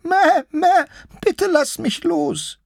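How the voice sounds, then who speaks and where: A man's voice: very high-pitched, wildly swooping pitch, extremely slow, no echo, studio quality, voice pushed up, full character voice. A man voicing a timid young lion raised as a sheep, who whimpers, pleads and bleats. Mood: frightened pleading.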